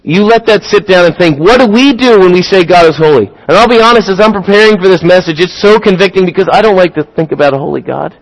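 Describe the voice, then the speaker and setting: A man's voice: high voice, fast talker, few pauses, poor audio. A man preaching a sermon, talking through rhetorical questions and building to emphatic, rising points.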